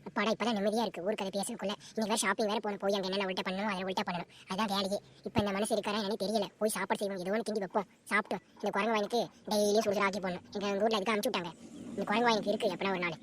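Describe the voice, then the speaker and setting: A woman voicing a sharp-tongued, quarrelsome housewife in a cartoon comedy, scolding loudly. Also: mid-range voice, steady tone, a little hiss or hum, lightly acted. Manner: fast, scolding, loud.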